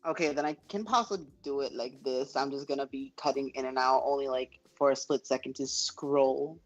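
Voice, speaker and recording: A man talks casually over a choppy internet call that keeps cutting in and out, his voice thin and dull through the app. He rambles a little and fills pauses with "um" and "like". The sound is lo-fi, as if heard through a laptop. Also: medium pitch, steady tone, no echo. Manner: rambling, self-conscious, with many fillers. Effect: choppy internet call connection that cuts in and out. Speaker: guest poet calling in. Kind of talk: casual chat. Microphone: app on a phone or computer.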